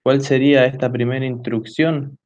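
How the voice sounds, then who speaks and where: A young man giving a hesitant student class presentation, filling pauses with "eh" while pointing things out on a diagram. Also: medium pitch, little pitch movement, a little mellow. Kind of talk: class presentation explaining computer hardware. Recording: dull lo-fi recording.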